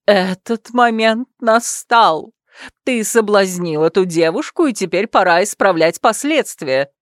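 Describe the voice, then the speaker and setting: Audiobook: woman reader doing a domineering werewolf clan mother, loud and emphatic, dry mic. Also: mid-range voice, expressive, no echo, lightly acted. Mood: commanding. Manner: loud, commanding, slow and emphatic. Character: stern domineering werewolf clan matriarch, middle-aged woman.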